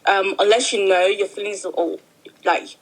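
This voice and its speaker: A woman's voice: medium pitch, fairly even intonation, normal speed, low-quality recording. A woman on a speakerphone call, chatting casually and giving rambling advice that keeps losing its thread. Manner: rambling, giggly, loses her thread. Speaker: friend on speakerphone. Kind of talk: casual phone chat.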